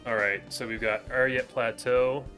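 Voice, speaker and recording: A man's voice: mid-range voice, normal speed, faint music behind. A man streaming a game live, chatting casually with his viewers through a headset mic. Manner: relaxed, talks to viewers by name. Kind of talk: casual livestream gameplay chat.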